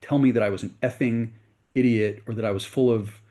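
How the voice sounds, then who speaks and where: A middle-aged American venture capitalist, a guest in an interview, tells his story earnestly and corrects himself along the way. His mid-range voice is steady and dark in tone, moving a little fast.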